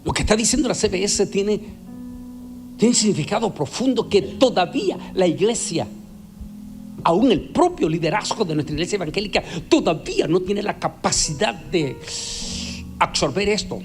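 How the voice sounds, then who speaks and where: Male evangelist, fiery sermon delivery, repeats key words, slightly raised pitch. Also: expressive, moderate pace, pauses often, soft background music. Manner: emphatic, repeats words for stress. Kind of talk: preaching sermon.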